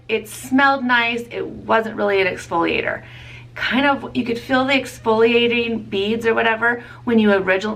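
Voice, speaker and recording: A woman's voice: fairly high pitch, fairly bright tone, far from the mic. A woman in her thirties chatting casually as a beauty vlogger, rambling and correcting herself with small laughs. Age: 30s. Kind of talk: casual product review chat.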